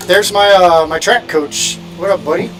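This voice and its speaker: A man from Indiana chatting quickly and casually while sim racing on stream, laughing often. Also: high voice, noisy background. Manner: fast-talking, laughs often. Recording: music playing in background.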